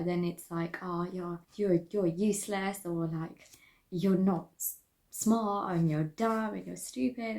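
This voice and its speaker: Young woman vlogger, low gravelly voice, chatty and reflective, giving life advice. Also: a little mellow. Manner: chatty, repeats words while thinking. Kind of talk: casual chat to camera.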